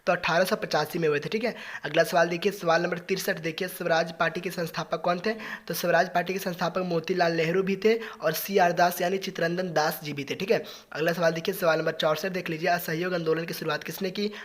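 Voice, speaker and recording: A teacher drills exam questions at a rapid clip. The pitch sits in a middle range, and the delivery is brisk and businesslike. A short refrain of "okay, next question" comes back between answers. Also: steady tone.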